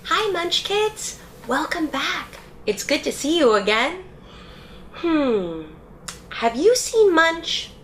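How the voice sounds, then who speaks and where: A woman's voice: high-pitched, sing-song, slow, background noise. A woman presenting a children's show to young viewers in a broad, singsong, theatrical way, as its host. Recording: loud music behind the voice. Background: loud children's music.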